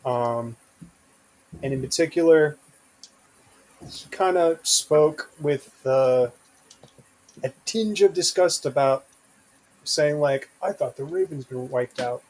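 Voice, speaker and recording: A man playing a tabletop role-playing game, talking in character in a halting, understated way. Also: fairly high pitch, a little mellow, low-quality recording. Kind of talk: hesitant in-character tabletop chat.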